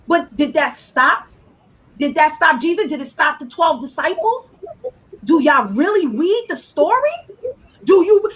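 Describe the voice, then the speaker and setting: A woman's voice: extremely high pitch, fairly bright tone, rough recording. A woman guest speaker giving a fervent, preacher-like motivational talk full of rhetorical questions, over a video call.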